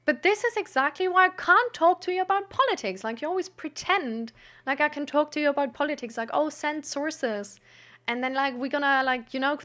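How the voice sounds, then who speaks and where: A woman's voice: high-pitched, a bit bright. A young woman streamer telling a personal story in a candid, rambling way, full of "like", restarts and nervous laughs. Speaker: streamer hosting a mental health talk.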